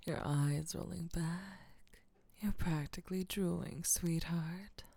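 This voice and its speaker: A doting, soothing caretaker, played by a woman, speaking in a soft hushing whisper that stays low and unhurried. The voice has a husky, gravelly grain and a warm, mellow tone, with a dry, close sound. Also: steady tone, no echo, full character voice. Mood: tender, hushing. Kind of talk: intimate audio roleplay.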